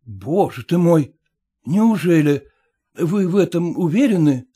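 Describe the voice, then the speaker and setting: A man voicing a flustered gentleman caught off guard, talking in a lively conversational way. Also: a little high, measured pace, breathy edge. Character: flustered young gentleman, timid then cheerful.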